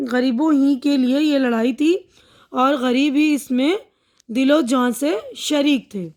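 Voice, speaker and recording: A woman teacher patiently going through a textbook chapter, repeating and explaining each term and mixing in English words. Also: high voice.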